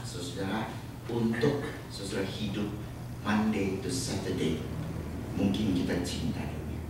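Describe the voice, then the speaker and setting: Man pastor, sermon, lively storytelling, deep-ish voice, far from the mic, echoey church, steady noise. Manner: animated storytelling, mixing in English phrases. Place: church sanctuary.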